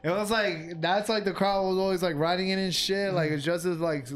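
Young male podcast co-host, high voice, loose bro-and-dude slang, sweary casual storytelling. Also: steady tone, fairly quick, slight background noise. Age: young adult. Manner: heavy slang, profane, calls listeners bro and dude.

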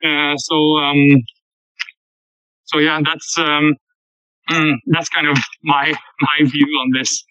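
A musician, answering interview questions over a low-quality earbud mic call stream in a thoughtful, halting way with many fillers. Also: male voice, flat delivery, background noise. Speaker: musician guest. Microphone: earpods while walking outdoors. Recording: dull dry lo-fi call audio.

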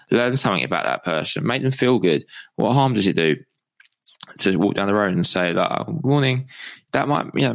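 A man's voice: low-pitched, gravelly, fairly bright tone, poor audio. A young British man hosting a podcast, rambling and self-deprecating in a casual motivational monologue, a little hungover and swearing freely. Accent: British English. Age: young adult. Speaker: podcast host.

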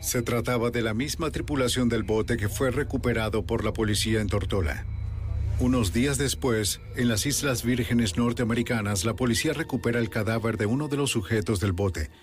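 A man's voice: medium pitch, a little fast. A man narrating a crime documentary in a dramatic, scripted style. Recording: music bed under the voice. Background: dramatic background music.

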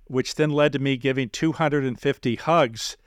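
A man hosting an interview, speaking in a measured, earnest way with many pauses and filler sounds. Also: medium pitch, fairly even intonation, dry recording, studio quality. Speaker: podcast host interviewing a guest. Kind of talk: reflective interview talk.

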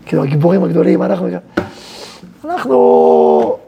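Gravelly rabbi giving an animated talk. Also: male voice, sits high, dull audio, a little hiss or hum. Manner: animated, conversational, asks and answers his own questions. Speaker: rabbi, yeshiva head. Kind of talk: Torah lecture to students.

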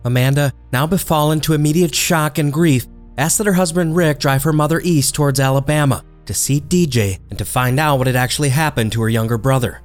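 A man hosting a podcast, reading a grave, measured true-crime narration. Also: a little high, faint music behind. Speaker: podcast host.

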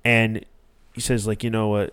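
Low-voiced man recapping a movie. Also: flat delivery, moderate pace, fairly bright tone, clean tone. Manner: rambling, restarts often, swears casually. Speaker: podcast host. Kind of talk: casual movie recap chat.

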